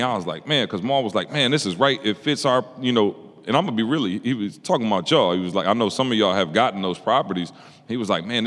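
Guy cohosting a podcast, telling a story all animated, echoey big room. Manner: animated, acts out quotes with pitch jumps. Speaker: podcast co-host. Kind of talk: casual storytelling chat. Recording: long hall reverb.

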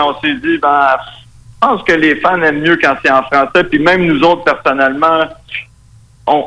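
A man's voice: fairly high pitch, sharp tone. A man with a Québécois French accent, a metal musician talking casually in a radio interview, rambling with many restarts and fillers. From Quebec, Canada. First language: Spanish. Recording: radio broadcast.

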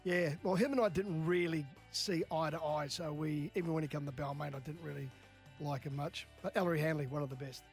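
A man's voice: fairly high pitch, fairly even intonation, fairly quick, soft background music. A middle-aged or older man telling matey sporting anecdotes in casual, chuckly chat. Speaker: former rugby league player and coach, guest.

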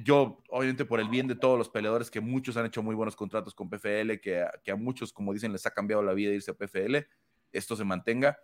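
A man hosting a combat sports panel, talking fluently and emphatically with many fillers and tag questions. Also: mid-range voice. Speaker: host of an MMA analysis panel. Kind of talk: casual panel commentary.

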